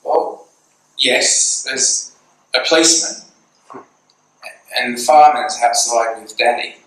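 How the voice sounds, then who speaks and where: A man's voice: medium pitch, expressive, normal speed, fairly bright tone, heavy reverb, recorded from a distance, natural voice, rough recording. A man voicing a frightened little child who whispers into a phone. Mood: whispering.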